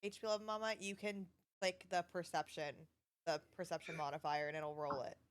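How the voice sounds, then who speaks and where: A woman with a lowish voice hosts a tabletop game stream. She explains the app to a fellow player in a helpful, casual way. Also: little pitch movement, normal speed. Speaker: host and player.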